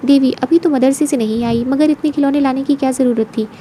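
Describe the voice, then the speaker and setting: A woman voicing a proud housewife, kind but quick to take offence. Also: sits high, a little hiss or hum, close to an everyday voice. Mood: kindly. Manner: firm, sharp when insulted.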